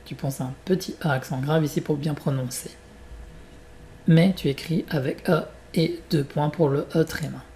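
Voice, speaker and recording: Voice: medium pitch, steady tone, normal speed, dark tone, slight background noise. A French teacher giving a beginner pronunciation lesson, articulating each word carefully, repeating examples and adding short English glosses.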